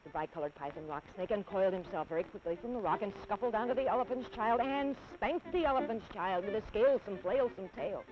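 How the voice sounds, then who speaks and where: A woman in her thirties telling a children's story on television in an animated, dramatic, rhythmic way, on a dull lo-fi 1950s TV kinescope recording. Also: mid-range voice, brisk, hardly any pauses. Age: 30s.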